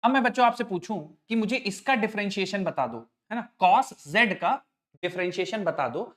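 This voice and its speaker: A middle-aged man teaches maths to a class in a high voice with lively intonation and a slightly bright tone, speaking at a moderate pace. He is patient, calls his students children, and keeps asking check questions to see whether they follow the terms.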